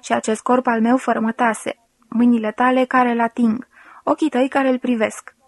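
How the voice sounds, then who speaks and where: A woman voicing a sensual woman who slowly and softly reads out an intimate love letter. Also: fairly high pitch, level tone, dry recording. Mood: intimate, tender. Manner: slow, soft, intimate reading.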